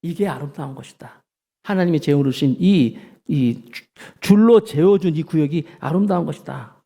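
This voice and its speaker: A man's voice: normal speed, creaky. A man preaching a sermon as pastor, telling a story and acting out the voices of its people. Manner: storytelling preacher, acts out quoted voices with lively pitch swings. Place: church sanctuary.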